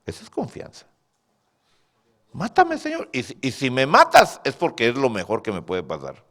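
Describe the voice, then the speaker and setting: A man preaching with a lively, swinging voice that climbs into sudden shouts and drops low again. He talks directly to his congregation in an animated way and laughs at his own stories. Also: a little fast. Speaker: pastor. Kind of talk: sermon.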